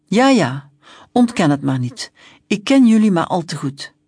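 A storyteller voicing a gruff, scornful young male gendarme who accuses and snaps at children. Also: mid-range voice, very animated, unhurried, darkish tone, dry recording, clean studio sound, heavily acted. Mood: accusing. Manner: accusing, snapping and growling.

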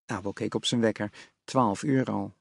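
A man narrating an audiobook in a measured storytelling manner. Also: fairly low pitch, fairly even intonation, creaky, no room sound.

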